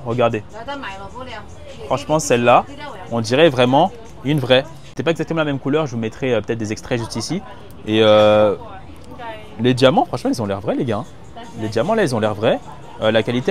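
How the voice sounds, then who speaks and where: A man talking casually to his viewers in informal, slangy French while thinking aloud, recorded candidly on a hidden mic as he shops. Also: medium pitch. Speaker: vlogger reviewing market goods to viewers. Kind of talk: casual spoken vlog, addressing viewers. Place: busy market stalls, recorded on location. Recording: hidden mic on location, music behind.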